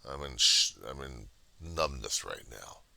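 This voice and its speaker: A man giving a casual, profane confessional monologue in a halting, raw and emotionally weary way. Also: a bass voice, expressive, vocal fry, bright, forceful tone, dry recording. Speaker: personal video diarist.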